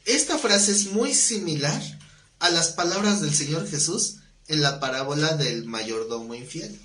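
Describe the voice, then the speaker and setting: A man leads a Bible class in a relaxed, colloquial way, joking and quizzing his listeners. His voice sits a little high for a man. The room gives it a noticeable echo, with a faint hiss behind it. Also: unhurried. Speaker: Bible teacher. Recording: echoey room with faint background noise.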